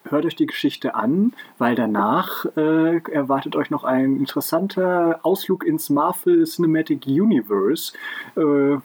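A man's voice: fairly high pitch, measured pace, darkish tone, husky. A man hosting a podcast in a casual chat, talking with many hesitations and restarts. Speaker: podcast host.

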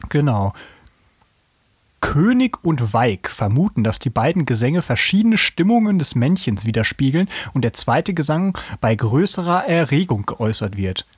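A man's voice: medium pitch, very animated, moderate pace, breathy edge, dry recording. A young man hosting a podcast, chatting casually, reading animal facts aloud and playfully imitating calls. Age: young adult. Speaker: podcast host.

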